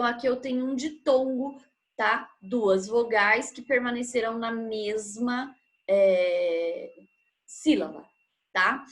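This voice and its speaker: A woman teaching a grammar lesson, patiently explaining and checking in with short tag questions. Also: a little high.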